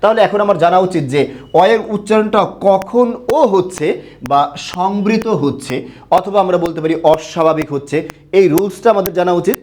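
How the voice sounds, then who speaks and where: In this online lesson, a male Bengali grammar teacher works on pronunciation, drawing out words sound by sound and answering his own questions. He talks a little fast in a high, slightly mellow voice.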